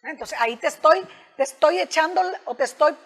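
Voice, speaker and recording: A woman with a high voice talks as a communication specialist in an interview. She explains in an animated way and speaks informally and directly to the host. A long reverb trails after her words. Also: brisk. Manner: animated, acts out example dialogues in other voices.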